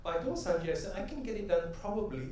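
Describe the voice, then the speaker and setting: At a convention, a middle-aged man tells stories in a slightly raised, mellow, high-pitched voice, very animated and fast, tagging lines with "right?" and driving toward rhythmic, emphatic punchlines in a motivational talk. He's far from the mic, so his voice rings through the big, echoey hall over a faint room murmur and a little hiss or hum.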